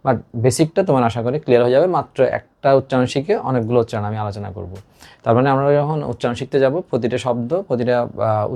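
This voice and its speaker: A man's voice: mid-range voice, warm tone. A male teacher gives an online exam-prep lesson to his students. He explains step by step and mixes English words into his speech.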